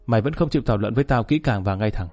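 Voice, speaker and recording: A man's voice: lowish voice, animated, rapid-fire, a little mellow, faint music behind. A man voicing an earnest male gangster who pleads with his friend.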